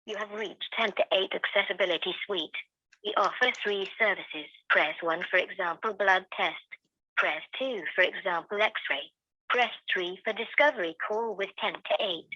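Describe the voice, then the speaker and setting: Automated female phone-menu voice played off a phone speaker: bright, even, dry and a little dull. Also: medium pitch, dry recording. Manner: even, measured, clearly spaced prompts. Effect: automated phone voice heard through a speakerphone. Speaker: automated phone booking system. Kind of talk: recorded menu prompts.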